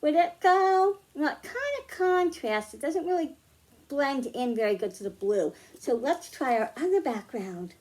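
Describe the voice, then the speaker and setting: Presenting a science storytime and hands-on lesson for young children, a woman reads aloud, explains things simply, and asks her listeners questions. Her voice sits high and is expressive, a little slow, with a darkish tone.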